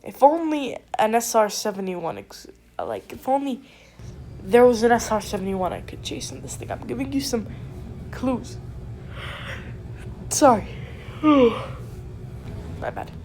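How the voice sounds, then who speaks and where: A woman giving casual gameplay commentary with a stuffy nose, rambling and excitable, often cutting herself off. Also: fairly high pitch, slow, long pauses, slight background noise. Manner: rambling, excitable, self-interrupting. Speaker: gaming video creator.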